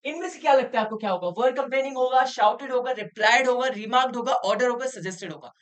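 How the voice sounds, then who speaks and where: A woman teaching an English lesson in Hindi, often asking the students rhetorical questions to check they follow. She reads English sentences slowly, then explains them in Hindi. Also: fairly high pitch.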